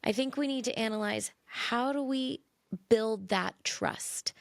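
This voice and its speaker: A hoarse woman co-hosting a podcast, talking earnestly and reflectively in casual chat. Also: a little high, unhurried, no echo, clean studio sound. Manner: reflective, earnest wrap-up talk. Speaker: podcast co-host.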